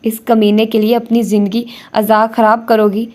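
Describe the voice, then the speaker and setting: A raging middle-aged father from a romance audiobook shouts and cuts, unforgiving and harsh, voiced by a woman narrator. His tone stays mellow and dark under the loudness. The melody moves little. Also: on the high side, flat delivery, close to an everyday voice. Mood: furious. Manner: shouting, cutting.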